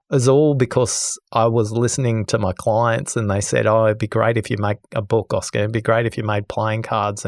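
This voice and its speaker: A low, gravelly male voice, close and dry on the mic, spinning an animated story as a podcast guest. He drops into the voices of the people he describes, his own tone staying rough and grounded. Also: dry recording. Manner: lively, acts out the people in his stories. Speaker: podcast guest, listening expert.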